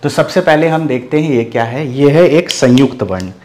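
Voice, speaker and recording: A man's voice: mid-range voice, lively intonation, normal speed, a little mellow. A man from Bihar, India, teaching an online grammar lesson. He explains step by step, asks rhetorical questions and says "okay" often. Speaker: Hindi teacher.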